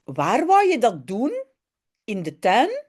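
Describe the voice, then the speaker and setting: A woman voicing a patient mother in a children's storybook, explaining things gently. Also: on the high side, huge pitch swings, takes it slowly, breathy edge, heavily acted.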